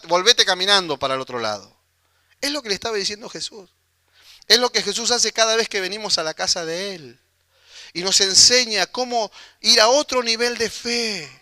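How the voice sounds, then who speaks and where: Bright, high-voiced Argentine male preacher. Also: no echo. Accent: Rioplatense Spanish. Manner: animated, acts out voices of people in the story. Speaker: pastor. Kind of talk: sermon.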